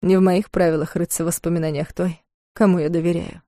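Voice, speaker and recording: Woman reading a composed male fiancé, quiet, low, unhurried, warm mellow tone, dry sound. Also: flat delivery, no room sound, natural voice. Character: calm self-possessed man, devoted fiancé.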